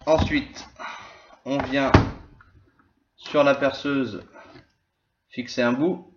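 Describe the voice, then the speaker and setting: A man giving a casual hands-on tutorial as a gear reviewer, talking slowly and hesitantly with many filler sounds. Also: mid-range voice, steady tone, very noisy. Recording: echoey room, dull lo-fi sound.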